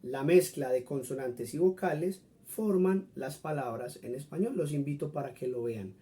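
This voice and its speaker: A man's voice: a little high, moderate pace, warm tone. A man teaching a friendly Spanish lesson, patiently explaining and repeating example words for his viewers.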